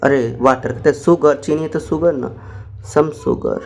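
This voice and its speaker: An English teacher, his voice sitting a little high for a man. He dictates English phrases at a very slow, deliberate pace, breaking off into quicker explaining asides between them. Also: darkish tone. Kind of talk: spoken English lesson.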